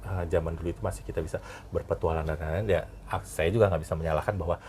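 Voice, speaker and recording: A middle-aged man, a batik designer, talking casually as a podcast guest, relaxed and given to lively, laughing anecdotes. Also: sits low, fast, a little hiss or hum. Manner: relaxed storyteller who gets animated and laughs while telling anecdotes.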